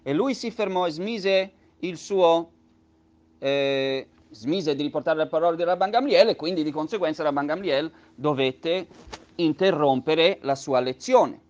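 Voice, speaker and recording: A man's voice: on the high side, unhurried, a little mellow. A man teaching a lesson on a religious text. He reads each phrase in Hebrew and then explains it at length, with many patient restatements. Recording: dull lo-fi recording.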